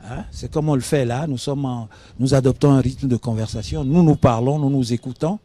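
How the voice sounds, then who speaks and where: A mid-range, mellow male voice moving a little fast belongs to a public speaking expert from Benin, guesting on a studio talk show. Heard through a studio mic, he teaches patiently and didactically, spells words out, and asks "hein?"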